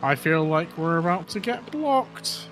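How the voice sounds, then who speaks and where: A man's voice: fairly high pitch, lively intonation, unhurried, a bit bright, slight background noise. A man on team voice chat during a sim race, cracking goofy, sarcastic jokes. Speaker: team driver.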